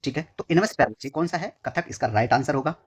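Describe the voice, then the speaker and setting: A man teaching an exam-prep lesson, repeating each term slowly as he writes it out and often calling his students dear children. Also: fairly high pitch, expressive, breathy edge. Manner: repetitive, dictating slowly while writing; addresses students fondly and often. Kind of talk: whiteboard lesson.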